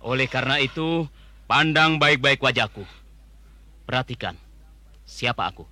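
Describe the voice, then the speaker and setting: An imperious radio-drama military chief with a fairly high, forceful voice. He is scornful and menacing, giving orders deliberately in a dry, close sound. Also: animated, dry recording. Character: commanding, haughty male high army leader, contemptuous and menacing. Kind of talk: Indonesian radio drama acting.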